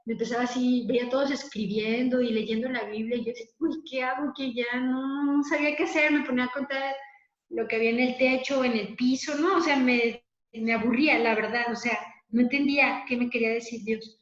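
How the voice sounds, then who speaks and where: A woman's voice: a little high, steady tone, fairly quick. A woman leading a spoken prayer meditation, earnest and conversational, often adding little tag questions. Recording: dull, lo-fi, echoey room.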